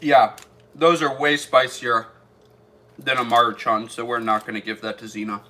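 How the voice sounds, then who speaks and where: A man's voice: mid-range voice, fairly even intonation, normal speed, pushed and bright, slight background noise. A man chatting through a casual taste-test vlog, thinking aloud as he eats. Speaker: food reviewer.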